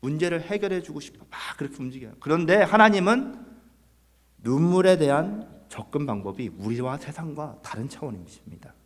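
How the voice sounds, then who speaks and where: A man's voice: on the high side, expressive, moderate pace, in a large hall. A man preaching a Sunday sermon as pastor, earnest, putting rhetorical questions to his congregation. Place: church sanctuary.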